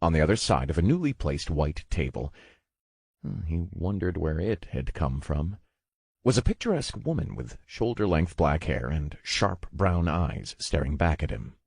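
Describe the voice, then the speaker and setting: A man narrating an audiobook in a measured, wry storytelling manner. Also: low-pitched, big pitch swings, vocal fry, a little mellow, breathy edge, dry recording, studio quality.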